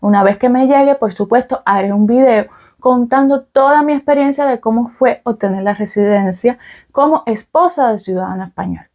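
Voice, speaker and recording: Explaining things casually to camera for her vlog, a young adult Cuban woman sprinkles in fillers and "ok?" check-ins. She has a Cuban Spanish accent and a voice on the high side, a little mellow, at normal speed.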